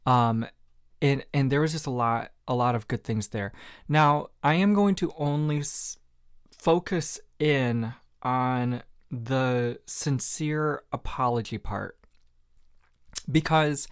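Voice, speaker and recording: A man's voice: mid-range voice, no room sound, clean studio sound. A man hosting a solo podcast, talking in a reflective, candid, self-deprecating way with lots of fillers. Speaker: podcast host.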